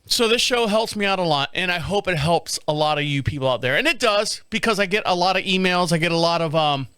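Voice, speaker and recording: A man in his fifties hosts a solo podcast from a studio, chatting casually in a high, expressive voice and talking fast. His tone is sharp and clean, the recording is dry, and he rambles, repeats himself, and laughs often.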